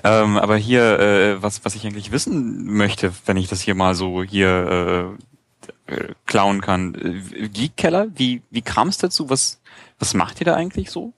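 A man with a lowish voice co-hosts a gaming podcast, explaining a game in a lively, good-humoured way. The sound is dry and close, with no room around it. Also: measured pace, no echo. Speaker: podcast co-host. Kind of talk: casual podcast chat.

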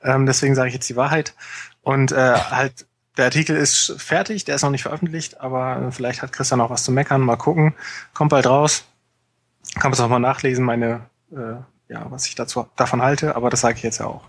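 A man with an ordinary mid-pitched voice talks as a guest on a gaming podcast. He is relaxed and joking, with hesitant fillers as he goes. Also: a little fast, vocal fry. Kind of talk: casual podcast chat.

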